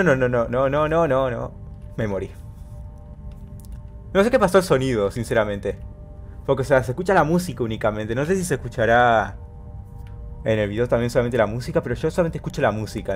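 A man casually commentating his gameplay, talking himself through each move and yelping repeated words when in danger. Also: mid-range voice. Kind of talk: casual let's-play commentary.

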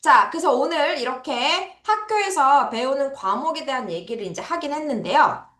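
A woman teacher leads children through English words in a bright, high voice that swings up and down. She stretches each word out slowly for them to repeat, and the room around her echoes. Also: animated. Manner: drills pronunciation, has students repeat words slowly; calls herself teacher, talks to kids directly. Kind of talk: online vocabulary lesson for children.

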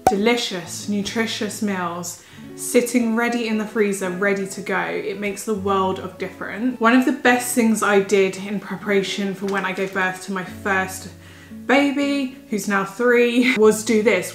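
Speaking a little slowly at medium pitch, a young woman who is heavily pregnant and a bit breathless vlogs enthusiastically and casually about a food haul. It's recorded at home in a roomy space with faint music.

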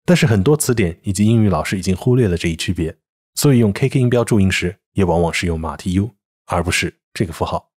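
Male language teacher, lively intonation, measured scripted lesson delivery. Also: low voice. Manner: clear, measured explanation with slow example words. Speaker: English pronunciation teacher.

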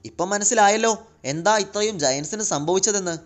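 A man's voice: high-pitched, a little fast, voice pushed up, natural voice. A man voicing a tough male street hero, heavy-voiced and astonished, in a comic retelling.

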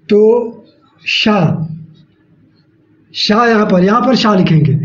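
A man teaching an English lesson step by step. He speaks slowly, repeats every step and explains aloud as he writes. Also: high-pitched, a little mellow. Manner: slow, repeats each step, explains aloud while writing. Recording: echoey room, dull lo-fi sound.

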